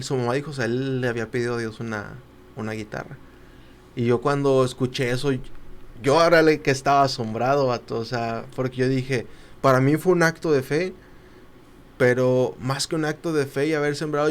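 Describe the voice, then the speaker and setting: A young man tells a personal story on a podcast, at a middle pitch. He acts out the voices of the people he quotes and falls quiet at the tender parts. Faint background noise runs beneath the talk. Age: young adult. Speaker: podcast guest. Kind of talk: casual storytelling.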